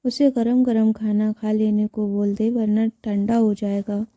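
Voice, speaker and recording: A woman's voice: medium pitch, flat delivery, a little slow, warm tone, no room sound, dull audio, natural voice. A woman voicing an ailing middle-aged aunt who fusses over the family's food. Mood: caring.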